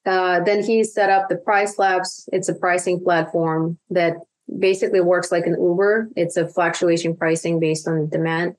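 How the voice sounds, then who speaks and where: A woman's voice: lowish voice, little pitch movement, moderate pace, few pauses. A woman being interviewed on a podcast, chatting with lots of fillers and restarts. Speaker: guest, virtual assistant business owner.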